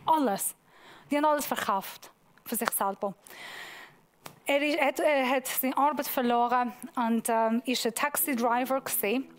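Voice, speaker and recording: A woman pastor giving a sermon, preaching emphatically and slowing down to stress key points. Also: sits high. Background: music.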